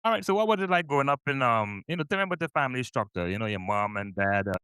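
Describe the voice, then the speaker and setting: A man's voice: medium pitch, big pitch swings, very fast, bright, forceful tone, smooth, dry recording. A middle-aged Trinidadian man hosting a podcast interview, chatty and upbeat, with lots of fillers and repeated words. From Trinidad and Tobago. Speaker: podcast host. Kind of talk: casual interview chat.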